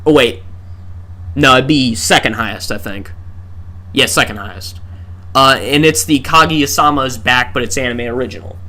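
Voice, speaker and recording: A worn-out gaming livestreamer rambles into his desk mic while he plays, his voice mid-range and sharp, his pace moderate. He thinks out loud, firing off rhetorical questions and restarting his sentences as the rant goes on.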